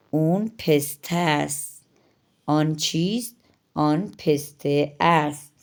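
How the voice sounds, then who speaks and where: A woman teaching Persian vocabulary in Urdu. She says each new word slowly and asks each practice question in a raised voice. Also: sits low, a little mellow. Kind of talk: language lesson.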